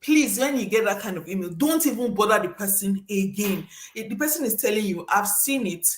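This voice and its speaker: A woman hosting a casual advice talk, emphatic and animated, acting out little scenes with sudden high voices. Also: a little fast, roomy sound, slight background noise. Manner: emphatic, repeats for stress. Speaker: host giving career advice.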